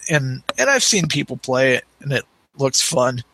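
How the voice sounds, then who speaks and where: Podcast cohost guy, bright forceful voice, halting and stumbly, dry close mic. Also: mid-range voice, big pitch swings, breathy edge, no echo, rough recording. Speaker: podcast co-host. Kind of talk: casual podcast chat.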